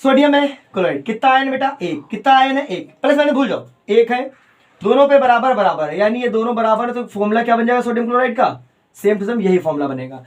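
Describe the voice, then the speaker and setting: This chemistry teacher, a man with a fairly high, expressive voice, addresses his coaching class warmly as "beta." Key words come out slowly, one syllable at a time for note-taking, and he blends in bits of English.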